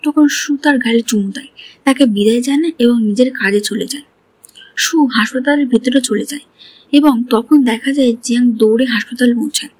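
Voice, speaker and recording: A woman with a breathy, somewhat high voice walks through a drama's story scene by scene, reading each character's lines in her own voice. She is recorded close to the mic in a dry, quiet room. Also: brisk, no room sound. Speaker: drama recap narrator.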